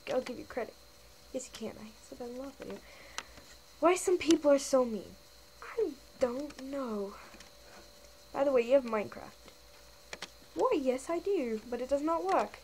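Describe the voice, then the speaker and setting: High-voiced young woman reading comments. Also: a little mellow, a little hiss or hum, poor audio. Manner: chatty, giggly, reads comments aloud and answers them. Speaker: channel host. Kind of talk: casual comment-reading vlog.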